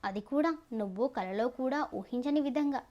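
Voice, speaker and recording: A woman's voice: high-pitched, moderate pace, a little mellow, muffled recording, natural voice. A woman voicing a cruel young male villain in an audio story, taunting and threatening. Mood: menacing. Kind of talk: storybook narration.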